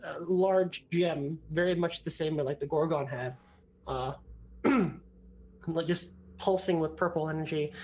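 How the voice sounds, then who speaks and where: A man improvising descriptive narration as game master of a tabletop game, halting and conversational. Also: fairly high pitch, darkish tone, poor audio. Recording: background noise.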